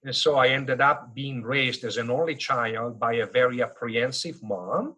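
A man in his fifties from northern Italy with an Italian accent, telling stories as an interview guest in an animated, joking way with many fillers. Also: mid-range voice, moderate pace, slightly rough, poor audio. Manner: animated, jokey storyteller with frequent fillers. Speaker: guest, business school dean. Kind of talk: casual interview storytelling.

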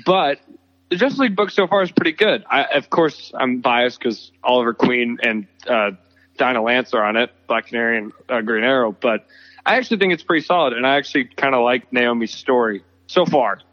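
A man on a video call whose audio breaks up, giving measured opinions in a casual chat. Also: mid-range voice, highs cut off. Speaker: podcast co-host. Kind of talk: casual chat about comics.

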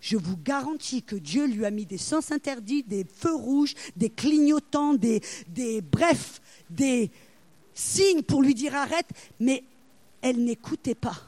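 A woman with a high voice preaches with lots of energy. She tells stories, slips into the voices of the people in them, and sometimes lets out a loud cry. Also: takes it slowly, dry recording. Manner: animated, acts out voices, cries out loud. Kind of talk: sermon with storytelling.

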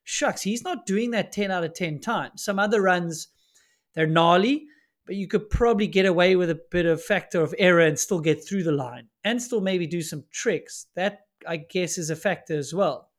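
A man's voice: high voice, normal speed. A man hosting a podcast, easygoing and joking, thinking aloud as he asks questions. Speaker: podcast host. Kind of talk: casual podcast interview.

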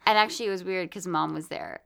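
A woman's voice: lowish voice, brisk, gravelly, fairly bright tone. A woman co-hosting a spooky podcast in casual chat, with dry, brief, understated replies. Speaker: podcast co-host.

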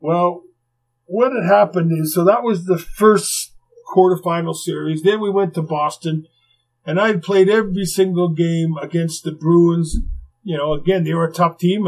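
In an interview, an older man who once played hockey tells stories in a lively, conversational style, full of "you know" asides and acted-out quotes. His pitch is fairly high, and the recording is rough.

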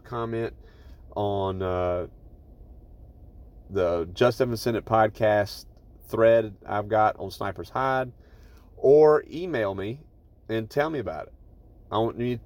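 A man's voice: fairly low pitch, a little mellow. A man hosting his own podcast, recorded on a phone voice recorder app. He talks in a casual, rambling monologue that is blunt and profane, with frequent restarts. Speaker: podcast host. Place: inside his truck.

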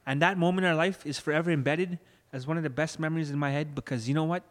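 An earnest young man tells his personal story as an interview guest, his voice on the higher side and sinking soft and low when he is moved. The recording carries a long reverb from the room. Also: steady tone, fast. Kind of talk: emotional personal testimony. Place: room where he married.

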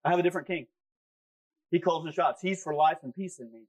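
Emphatic high-voiced pastor preaching. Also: male voice, fast. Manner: emphatic, repeats key phrases, talks back to his own flesh. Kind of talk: sermon.

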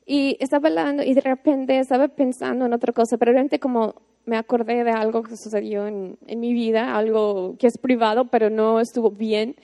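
Woman, high voice, devotional speaker, chatty, fillers and tag questions. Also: steady tone, brisk, few pauses, warm tone. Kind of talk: casual spoken devotional.

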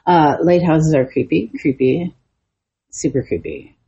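A woman's voice: low-pitched, a little slow, warm tone, breathy edge. A middle-aged woman co-hosting a podcast, chatting casually and explaining spooky lore. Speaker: podcast co-host. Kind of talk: casual storytelling chat. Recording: muffled lo-fi podcast audio.

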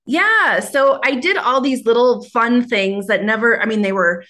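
A woman with a Minnesota accent, a guest in a casual interview, telling her story in an animated way and often laughing. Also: fairly high pitch, moderate pace. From Minnesota, USA. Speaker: podcast guest, creative mentor.

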